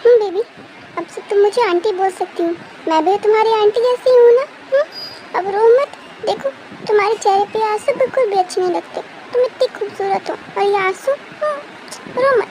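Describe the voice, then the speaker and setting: A woman's voice: very high-pitched, normal speed, background noise. A woman voicing a caring motherly aunty who soothes and coaxes, but turns firm. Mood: soothing.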